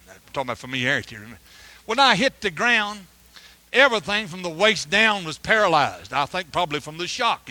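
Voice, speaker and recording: A preacher with a high, bright, sharp voice tells a rambling, colloquial story from the pulpit. He breaks into sudden loud shouts, and his grammar stays homespun. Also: no echo. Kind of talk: folksy testimony sermon.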